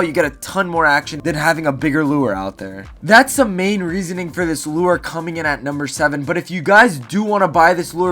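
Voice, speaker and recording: A man's voice: a little high, fairly bright tone. A man presenting a top ten countdown review to viewers in a casual, emphatic way, stressing and repeating key phrases. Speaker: host of a fishing gear review video. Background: music.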